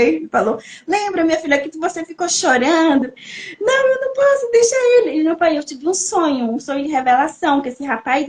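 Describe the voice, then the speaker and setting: A young Brazilian woman giving an emotional personal testimony on a podcast, telling her story and acting out the voices she quotes. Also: high voice. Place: living in Germany, remote podcast.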